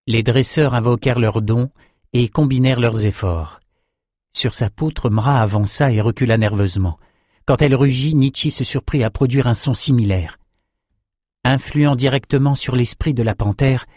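A man narrating a fantasy audiobook in a steady, measured way. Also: lowish voice, no echo, clean studio sound.

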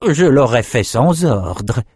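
A man's voice: mid-range voice, expressive, slow pace, darkish tone, slightly rough, no echo, studio quality, voice pushed up. A man reading an audiobook, voicing a proud, centuries-old male sorcerer who shapes creatures. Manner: proud, eager, self-satisfied.

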